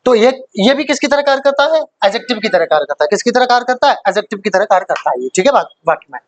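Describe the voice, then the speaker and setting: A man's voice: high-pitched, expressive, racing. A male teacher giving a vocabulary lesson, who asks questions and then answers them himself, repeating the key words for emphasis.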